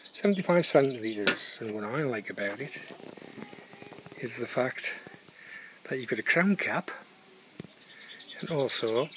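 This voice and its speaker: A man's voice: medium pitch, slight background noise. A man in his fifties chatting casually to the camera while filming himself outdoors in a garden, reviewing drinks and thinking aloud with ums. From England. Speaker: homebrew vlogger reviewing beer and cider. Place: garden outdoors on a sunny day. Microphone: camera at arm's length.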